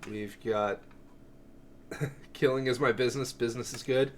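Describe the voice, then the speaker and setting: A medium-pitched man with a steady tone and normal speed talks casually through his cassette collection, and the recording carries some noise. He rambles, cuts himself off and curses freely.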